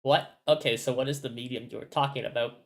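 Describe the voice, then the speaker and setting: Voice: medium pitch, fairly even intonation, fast talker, close to an everyday voice. A reader voicing an earnest, slightly bewildered teenage boy speaking plainly and politely. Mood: puzzled.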